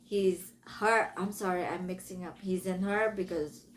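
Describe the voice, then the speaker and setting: A Filipina speaking English as a second language, with a Filipino accent, gives a casual book review in a fairly low, fairly even voice at a slightly slow pace. She rambles as she retells the story, correcting herself and breaking off into asides. There's a little hiss or hum on the recording.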